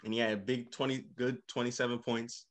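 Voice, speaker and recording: A man hosting a casual basketball podcast, talking with quick bursts of enthusiasm. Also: medium pitch, little pitch movement. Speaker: podcast host. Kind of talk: casual sports chat.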